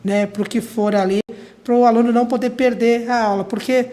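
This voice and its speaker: A woman's voice: fairly high pitch, fairly even intonation, normal speed, mellow. Woman interviewing on the radio. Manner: conversational, ending phrases with "né?".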